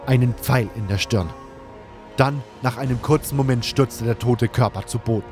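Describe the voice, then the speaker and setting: A man's voice: mid-range voice, moderate pace, over music. A man reading a scripted first-person fantasy story as its narrator.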